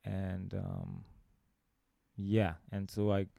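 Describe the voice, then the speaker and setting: Born in Romania and from Ghana, this musician speaks with a Ghanaian accent in a low, gravelly, warm voice, very slowly and with a flat delivery. As an interview guest, he tells anecdotes in a discursive, conversational way. It's a studio-quality recording without echo.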